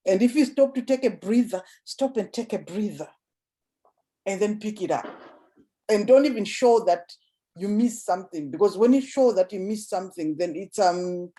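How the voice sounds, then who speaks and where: A woman coaching on public speaking in an easy, conversational way, her voice mellow and warm at a middling pitch. She often stumbles and repeats a word before going on. She lets her voice sink quiet and low, then lifts it again. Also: expressive, normal speed. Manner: repeats and restarts words, drops voice low then lifts it to demonstrate. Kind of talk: casual spoken advice.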